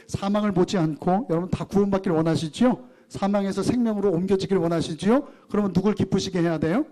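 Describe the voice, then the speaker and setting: Dark-voiced pastor preaching to his congregation. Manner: asks the congregation questions and leads them in reading scripture; lively, shifting between raised and low quiet phrases. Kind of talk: sermon.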